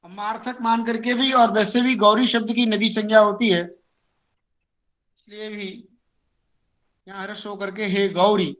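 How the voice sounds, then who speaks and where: A man teaching Sanskrit grammar in a slow explanatory lecture, reciting word forms in measured, chanting lists, on a dull lo-fi recording. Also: high voice, flat delivery.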